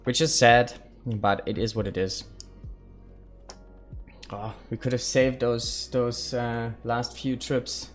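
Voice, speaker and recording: A man's voice: medium pitch, level tone, slow pace, faint music behind. A man live-streaming a survival game, thinking aloud and chatting casually with his viewers.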